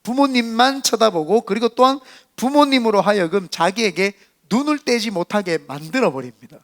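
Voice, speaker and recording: A man delivering a Sunday sermon from a church sanctuary, his voice pitched high and swinging widely up and down. He talks to the congregation in a lively, conversational way and slips in playful asides. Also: moderate pace. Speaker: senior pastor.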